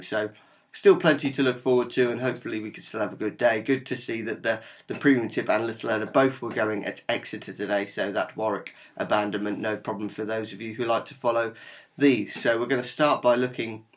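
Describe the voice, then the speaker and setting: A man with a Norfolk English accent, informally presenting a horse racing tips video in a conversational, upbeat, matter-of-fact way. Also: fairly low pitch. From Norfolk, England.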